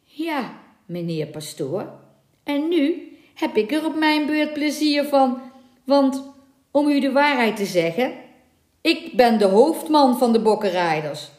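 A woman's voice: high-pitched, animated, slow, a little mellow, pitched above the performer's own voice. Woman reading a cool, mocking bandit leader in disguise, roomy echo. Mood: sly. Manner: sly, coolly mocking. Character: cunning male robber chief posing as villager. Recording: echoey room.

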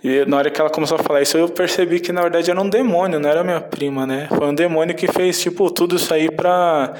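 A man's voice: on the high side, fairly even intonation, fast talker. A man with a Brazilian Portuguese accent telling a story casually in a meandering, hesitant way.

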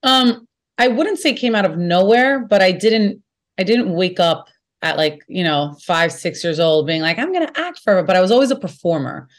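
Animated Brooklyn-accented woman. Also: lowish voice, moderate pace. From Brooklyn, New York. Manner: animated, jokey, lively storytelling. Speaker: actor and guest. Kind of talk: casual interview chat.

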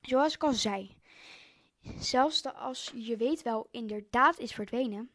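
A woman reading a storybook aloud slowly, with small slips she corrects. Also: fairly high pitch, a bit bright.

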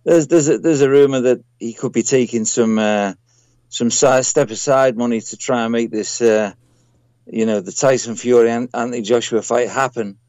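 A man with a British accent chatting casually as an interview guest over an internet call, halting and repeating himself. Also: mid-range voice, fairly even intonation, a little mellow, no echo. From United Kingdom. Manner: halting, repeats words and phrases. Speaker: boxing trainer, interview guest. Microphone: Skype call. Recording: internet call on a radio show.

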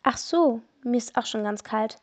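A woman's voice: on the high side, moderate pace, close to an everyday voice. Woman reading an easygoing off-duty inspector.

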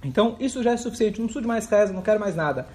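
High-voiced fast-talking man teaching. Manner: expressive, acts out dialogue, mixes in Hebrew phrases. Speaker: Torah teacher. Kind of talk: animated text study class.

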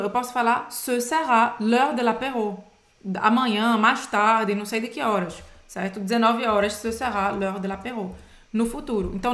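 A woman's voice: on the high side, fairly bright tone, echoey room. A woman teaching French in a patient, explaining way, often checking in with her listeners. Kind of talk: explaining French lesson in Portuguese.

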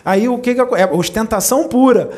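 A spiritual teacher gives a talk to a small group, telling stories animatedly and acting out the voices of the people in them with big jumps in pitch. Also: fairly quick. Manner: animated storyteller, acts out quoted voices with big pitch leaps.

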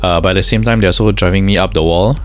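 A Singaporean man with a fairly low voice co-hosts a paranormal podcast. He chats casually and tells everyday anecdotes in colloquial speech. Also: racing, clean tone.

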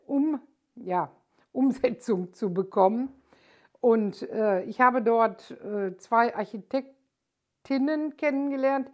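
Older woman, podcast host, slightly high voice, thoughtful, hesitant delivery. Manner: thoughtful, hesitant with frequent filler sounds. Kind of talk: casual monologue.

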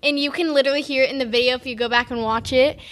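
A woman's voice: high voice, steady tone, rapid-fire, a bit bright. A young woman guest on a podcast, eagerly telling stories about performing. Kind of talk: casual chat.

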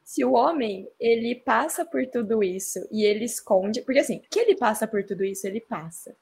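Woman with a slightly high, husky voice, warm-hearted reassuring podcast chatter. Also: expressive, fairly quick. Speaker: podcast co-host. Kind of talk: casual podcast chat.

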